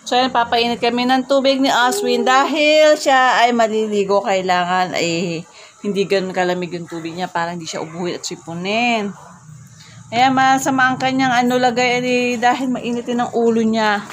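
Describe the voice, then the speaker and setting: A woman's voice: mid-range voice, noisy background. A woman family vlogger talking on a handheld phone at home, teasing a crying baby in playful baby-talk and chatting to her viewers. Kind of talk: casual home vlog narration.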